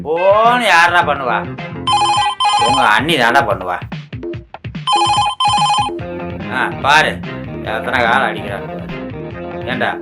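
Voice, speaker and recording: A drunken middle-aged shop owner, played by a man swings between slurred bossiness and panic, his voice rising and falling widely. Loud music plays under the film track. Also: medium pitch. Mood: drunk grumbling. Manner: slurred, bossy, then panicked and pleading. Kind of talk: short film acting.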